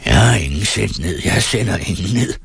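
A man voicing an old, hoarse ferryman of the dead who mutters and speaks gruffly. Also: low-pitched, expressive, no room sound, heavily acted. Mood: muttering.

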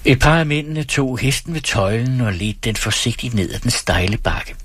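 A man hosting a radio show, reading fiction aloud in a calm, measured way into a studio microphone. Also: mid-range voice, slightly rough, dry recording. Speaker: radio host reading stories.

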